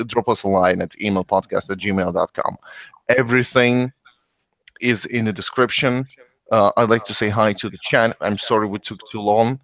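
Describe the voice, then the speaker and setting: Man hosting a podcast, halting delivery. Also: fairly low pitch, fairly bright tone, no room sound. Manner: halting, many fillers and restarts. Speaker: podcast host. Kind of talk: casual podcast chat and announcements.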